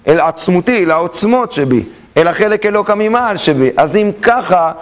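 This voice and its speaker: A man teaching a Torah class, telling stories and asking the listeners questions, with an Israeli Hebrew accent. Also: high voice. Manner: animated, asks questions to the class and acts out story voices. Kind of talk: lively Torah lesson with storytelling.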